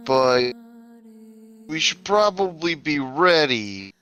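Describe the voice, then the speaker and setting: A man's voice: fairly high pitch, sing-song, takes it slowly, bright, forceful tone, muffled recording, soft background music, voice pushed up, exaggerated voice. A man voicing a cautious male ranger with a Boston accent. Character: watchful male adventurer ranger.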